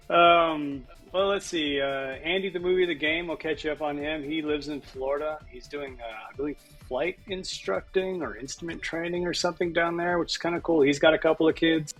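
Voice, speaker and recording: A man's voice: on the high side, fairly even intonation, normal speed, a bit bright, faint music behind. A man in his thirties or forties chatting casually on a podcast, rambling with many fillers and laughing often. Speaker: podcast co-host. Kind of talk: casual chat.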